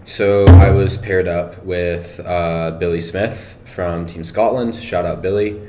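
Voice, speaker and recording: A man's voice: sits low, fairly even intonation, takes it slowly, warm tone. A man talking casually on a podcast about competing as a powerlifter, thinking aloud with many fillers. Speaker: powerlifter guest. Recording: echoey room, faint noise.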